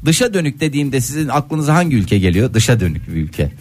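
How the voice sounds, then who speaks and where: A man's voice: mid-range voice, very animated, a little fast, no echo. A man hosting a casual comic radio chat, explaining things and quizzing his co-hosts playfully. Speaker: radio show host.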